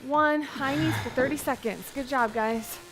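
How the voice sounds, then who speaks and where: A young adult woman with a high-pitched voice leads a workout as an encouraging aerobics instructor on a covered outdoor wooden deck beside a pond. At normal speed she counts down and cheers people on in a motivational way, with workout music behind her and some background noise.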